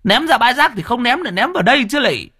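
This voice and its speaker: A man voicing a rough, foul-mouthed male diver who talks loud and coarse. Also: very high voice, very animated, quick pace, voice pushed up, heavily acted. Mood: irritated.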